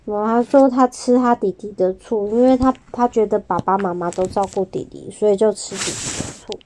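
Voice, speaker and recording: A woman reading a picture book aloud to a child, gently stopping to ask questions. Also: mid-range voice, fairly quick, a little hiss or hum.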